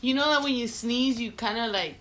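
A young woman chats bluntly with friends, swearing freely and laughing as she goes. Her voice is a little high, and there is steady noise behind her. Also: a little fast. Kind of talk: casual group chat.

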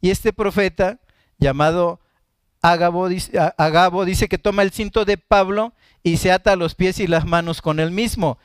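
High-voiced, smooth-toned preacher. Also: male voice, fairly even intonation, dry recording. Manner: unhurried, reads scripture then explains, self-correcting asides. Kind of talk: live-streamed Bible teaching sermon.

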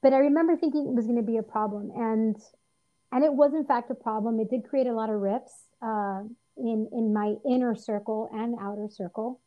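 Female interview guest, earnest, animated storyteller, restarts often; slightly dull lo-fi recording. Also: fairly high pitch, fairly quick. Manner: earnest, lively, frequent restarts and fillers. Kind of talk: personal storytelling in conversation.

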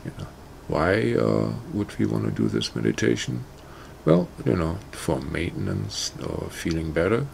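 Slow, gravelly low-voiced man. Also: very animated, a little mellow, a little hiss or hum. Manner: halting, many fillers like "you know" and "uh". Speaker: meditation teacher. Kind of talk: casual spoken talk.

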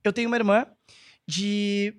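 A man's voice: high-pitched, flat delivery, moderate pace. Rambling man in his thirties. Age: 30s. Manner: rambling, hesitant, self-correcting. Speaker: podcast guest. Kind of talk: casual chat.

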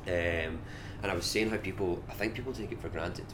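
This Scottish whisky brand ambassador has a low voice and a brisk delivery. Interviewed against background noise, he chats casually and with energy, dropping plenty of "like" fillers.

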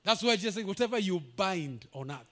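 Male pastor, very high voice, lively swooping delivery, emphatic sermon with shouted peaks. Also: a little fast. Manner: emphatic preaching, rising to shouts, drops into Swahili asides.

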